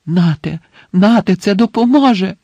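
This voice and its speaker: Man playing a panicked teen wizard, high, loud and urgent, dry sound. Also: lively intonation, moderate pace, no room sound, highs cut off. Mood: desperate. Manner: shouting, urgent and breathless. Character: frantic teenage boy wizard, desperate.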